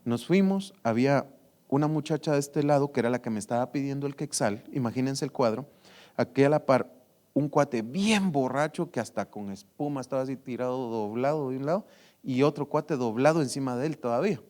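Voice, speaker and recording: Man, Guatemalan Spanish accent, church elder, sermon, animated storytelling, acted dialogue, tag questions, mid-range pitch. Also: a little fast.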